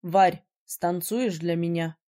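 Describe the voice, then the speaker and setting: A woman voicing a brooding, sharp-tongued young male mage in an audiobook, teasing and gruff by turns. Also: lowish voice, steady tone, takes it slowly. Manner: teasing, then gruff and commanding. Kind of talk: audiobook character reading.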